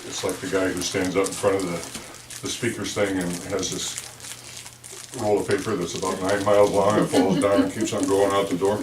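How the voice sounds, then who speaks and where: A man's voice: low voice, little pitch movement, moderate pace, noisy background. A man with a lisp and whistling s, giving a formal prepared address as chair of a local board meeting. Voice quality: lisp from a dental appliance, whistling s. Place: indoor village board meeting room. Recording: roomy, distant meeting-room microphone.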